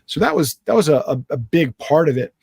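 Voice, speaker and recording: A man guesting on a podcast, talking in an energetic, self-assured, joking way about his business. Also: fairly high pitch, fairly quick, vocal fry, breathy edge, no room sound, clean studio sound. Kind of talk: casual interview chat.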